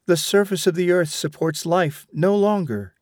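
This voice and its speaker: A man's voice: high voice, moderate pace, no echo, clean studio sound, voice pushed up, close to an everyday voice. A man reading aloud as a stern elderly woman devoted to the machine, who lectures with insistent rhetorical questions. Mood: reproachful. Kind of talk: audiobook reading.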